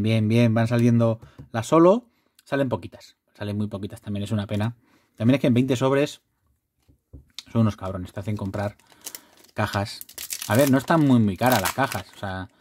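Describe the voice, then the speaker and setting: Casual male vlogger, chatty, prone to loud excited outbursts, dry close sound. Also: lowish voice, no echo. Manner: bursts into loud swearing excitement over rare pulls; chatty, rambling, restarts often. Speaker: card collector vlogger. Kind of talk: casual unboxing chat.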